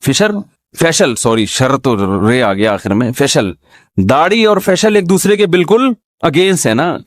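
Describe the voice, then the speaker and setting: A man's voice: mid-range voice, dry recording, clean studio sound. A man giving an informal, humorous religious talk, often throwing rhetorical questions at his listeners. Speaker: Islamic scholar giving a talk.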